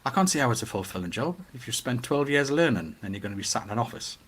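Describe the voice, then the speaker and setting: A middle-aged man with a Newcastle Geordie accent, chatting casually and giving his opinions in an animated way, with rhetorical questions. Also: medium pitch, fast, husky. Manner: animated storytelling with acted-out quotes and rhetorical questions.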